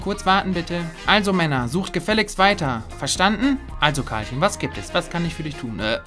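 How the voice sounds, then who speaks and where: A man's voice: on the high side, animated, fairly quick, sharp tone. A man voicing a bossy, self-important older police chief in a toy figure film, barking orders. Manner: barks orders, pompous. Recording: music playing underneath.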